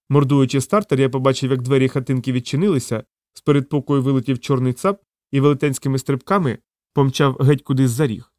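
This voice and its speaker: A man narrates an audiobook in a steady, even voice at a mid pitch. The recording is close-miked and very dry, with no room sound. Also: no room sound. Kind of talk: scripted narration.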